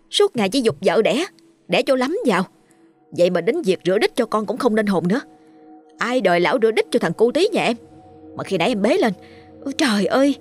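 A woman voicing a shrill, nagging, gossipy village wife in a storybook reading. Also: husky.

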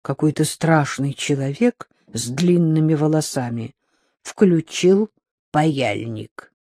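A man's voice: on the high side, slow pace, darkish tone, dry recording, clean studio sound. A reader voicing a weak-willed grown man who mumbles and whines in fear. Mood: cowed. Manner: whining, frightened mumbling.

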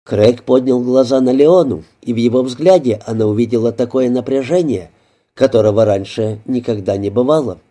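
Deep mellow male audiobook narrator. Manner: even, measured storytelling. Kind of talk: scripted narration.

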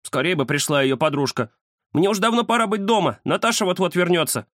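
A man voicing a chatty, boastful male house cat who talks fast and fussily in an audiobook. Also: high-pitched, dry recording, clean studio sound, voice pushed up. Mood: indignant. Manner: excitable, fussy, know-it-all. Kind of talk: audiobook character voice.

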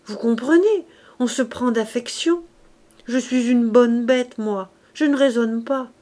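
A woman reading the part of a scheming male innkeeper who haggles with feigned tenderness, in a slow, wheedling voice. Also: fairly high pitch, dark tone, voice pushed up, close to an everyday voice. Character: greedy scheming male innkeeper, smooth-talking.

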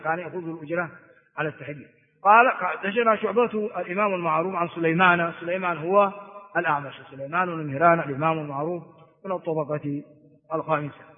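A man, a sheikh giving a classroom lecture on hadith, explaining slowly and repeating words for stress. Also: high voice. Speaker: sheikh teaching hadith commentary. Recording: phone-like audio with long hall reverb.

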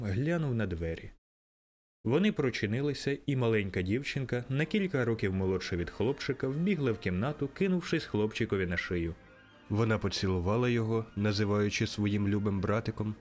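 A man narrating an audiobook in a measured, expressive reading. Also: fairly low pitch.

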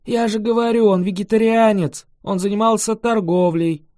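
A reader voicing a chatty, boastful male dragon who huffs and protests loudly in an audiobook. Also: mid-range voice, steady tone, normal speed, no echo, clean studio sound, pitched above the performer's own voice, natural voice. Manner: indignant, emphatic, loud. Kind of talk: audiobook character voice.

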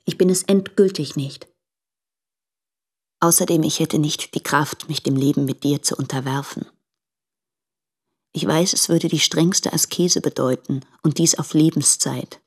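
A woman's voice: sits low, measured pace, long pauses, darkish tone, husky, full character voice. An actress playing a married woman in a radio play, torn between her husband and a lover, speaking earnestly and pleadingly.

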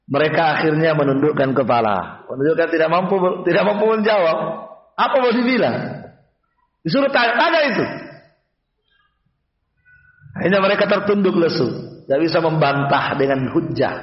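A man giving a mosque study lecture, telling a story with lively voiced-out parts and Arabic recitation. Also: fairly high pitch. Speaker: religious teacher. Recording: echoey muffled mosque recording.

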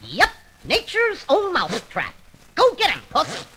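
A man's voice: wildly swooping pitch, slow, heavy background noise, heavily acted. A man playing a scheming cartoon duck who runs a cheap hotel, in a vintage cartoon radio performance with sly, wildly leaping delivery. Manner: wild pitch leaps, sly and scheming. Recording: old archive clip under loud music.

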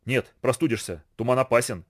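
A man voicing a caring adult mother who speaks softly and gently to calm her children. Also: medium pitch, fairly quick, natural voice. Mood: soothing. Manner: soft, gentle, hushed.

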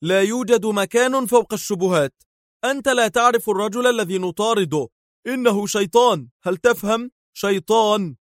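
A man doing a harsh, high-pitched police officer. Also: lively intonation, brisk, no room sound, studio quality. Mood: stern. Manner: harsh, commanding. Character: stern angry male police officer, a hunter.

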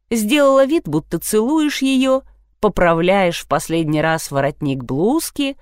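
A woman reading a novel aloud in the first person at a steady, even pace. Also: fairly high pitch, clear, resonant tone, dry recording, clean studio sound. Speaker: audiobook narrator.

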